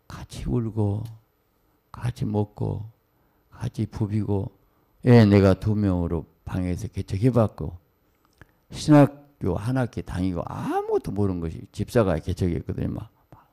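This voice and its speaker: Low gravelly excitable Korean pastor. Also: male voice. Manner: excitable, rapid-fire exclamations and asides; hurried, fragmented preaching. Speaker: senior pastor. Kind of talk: dawn prayer sermon.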